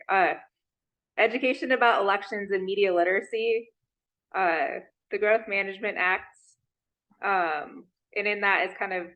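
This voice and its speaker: A woman reporting her group's ideas at a member meeting, halting with many fillers, talking through a mask. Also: mid-range voice, fairly bright tone, dull audio. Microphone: masked, in a meeting room.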